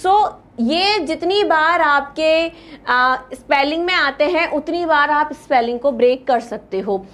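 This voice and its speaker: A woman with an Indian accent teaching an exam-prep English lesson, explaining step by step and checking in with her students. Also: sits high.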